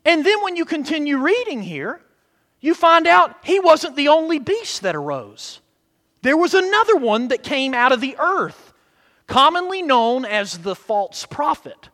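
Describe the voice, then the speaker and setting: Male TV-preacher type, very high voice with animated swings, emphatic sermon delivery. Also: measured pace. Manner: emphatic, swinging from hushed asides to loud declarations; seeks affirmation from congregation with short questions. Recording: long hall reverb.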